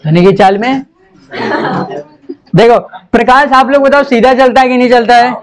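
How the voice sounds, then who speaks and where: A male science teacher with a very high-pitched voice gives a jokey lecture at normal speed, repeating his questions to students and calling for their attention. The classroom is noisy, full of students talking and laughing.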